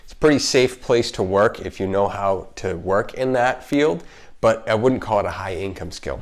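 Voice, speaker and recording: A man with a fairly low voice hosts a casual explainer video from his home. He has a slight lisp from the retainers in his mouth. His delivery is chatty and emphatic, unscripted, with sentences that often break off and start again. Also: normal speed. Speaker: video host, marketer. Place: home kitchen.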